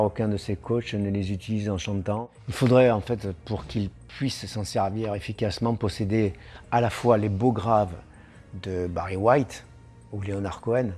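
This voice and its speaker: A man's voice: fairly low pitch, mellow. A man giving a singing lesson, explaining vocal technique step by step and tagging his points with little asides. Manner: explanatory, with frequent "hein" tags. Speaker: singing teacher.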